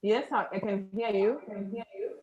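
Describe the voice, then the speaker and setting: A woman's voice: mid-range voice, breathy edge, muffled recording. Woman on a breaking-up call connection. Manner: measured, with many fillers and restarts. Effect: breaking-up online call connection. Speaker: panel speaker. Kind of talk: formal talk over a video call. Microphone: remote call audio.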